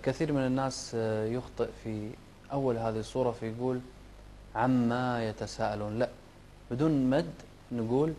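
A man teaching Quran recitation, patiently correcting mistakes and demonstrating each verse in a slow chant. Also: medium pitch, steady tone, mellow, slight background noise. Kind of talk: recitation lesson, chanting verses for children to repeat.

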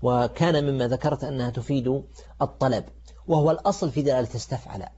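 A man teaching Quranic grammar in formal Standard Arabic as a programme's religious teacher, in a halting way that repeats words as he explains. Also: mid-range voice, dark tone, slightly rough. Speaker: religious teacher presenting a show. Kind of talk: Quranic grammar lesson, semi-improvised lecture. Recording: dull, muffled lo-fi audio.

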